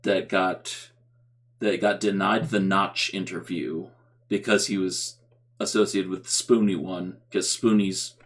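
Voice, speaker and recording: A man streaming a reaction to a video, rambling casually with many halting fillers. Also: sits low, steady tone.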